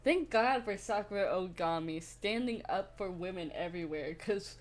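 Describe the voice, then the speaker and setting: A woman's voice: medium pitch, normal speed. A young woman streaming a game, chatting casually, laughing often and swearing freely.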